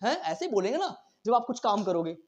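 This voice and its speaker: A man with a high, very animated voice teaches an exam-prep lesson at a very fast pace, chatty and casual, mixing in English terms. He often checks in with his students and says he cannot slow down.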